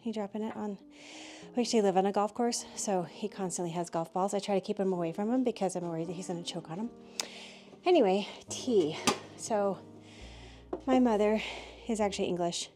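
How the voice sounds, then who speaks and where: A woman's voice: medium pitch, fairly quick, mellow, faint music behind. A middle-aged woman from the United States chatting casually through a home vlog, meandering from one thing to the next as she shows her house. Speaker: author vlogging her day.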